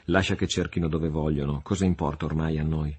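A man's voice: rumbling low, fairly even intonation, fairly quick, a little mellow, breathy edge. A man reading as a blunt, cautious companion. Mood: exasperated. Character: cautious adult male companion, blunt and practical. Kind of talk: audiobook reading.

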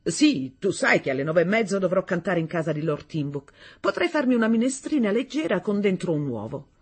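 A woman voicing a gallant male singing teacher who coaxes his pupils with fervour, her voice breathy. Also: fairly low pitch, sing-song, fairly quick. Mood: coaxing. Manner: fervent, coaxing.

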